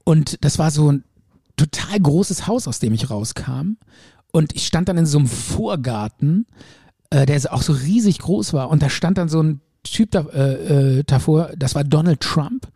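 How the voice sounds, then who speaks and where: A man with a slightly high, dark and husky voice chats casually, recounting a dream in a lively way. He slips into the voices of the people in his story. The sound is dry and close, with no room around it. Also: normal speed, no room sound. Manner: lively storyteller who acts out quoted speech. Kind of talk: casual chat, retelling a dream.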